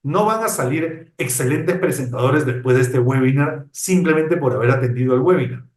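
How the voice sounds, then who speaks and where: A man, a psychologist, giving a live online lecture. He speaks close to his microphone in a lively way, changing his tone and volume on purpose and calling his audience "chicos". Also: mid-range voice, moderate pace, reverberant, recorded from a distance. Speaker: psychologist and employability counselor giving a webinar. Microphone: close to a computer microphone.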